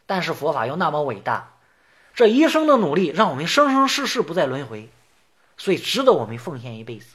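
A man teaching as a Buddhist teacher in a sutra lecture, explaining terms point by point and chanting the verse lines slowly. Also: on the high side, wildly swooping pitch, a bit bright, slightly rough.

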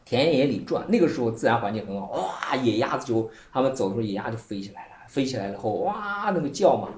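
A Buddhist teacher tells a Chan koan as a lively story, the voice swinging high and low as the tale unfolds. Laughter and filler words run through the telling. The voice carries the ring of an echoey room. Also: fast talker. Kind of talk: Chan dharma talk retelling a koan.

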